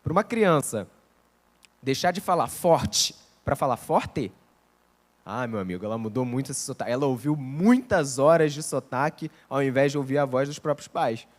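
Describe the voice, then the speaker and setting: Brief: a male Carioca lecturer, chatty and animated, who acts out little dialogues. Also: mid-range voice, moderate pace. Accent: Rio de Janeiro Portuguese. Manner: conversational, acts out quoted dialogue. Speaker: teacher giving a lecture. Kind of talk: lecture on parenting.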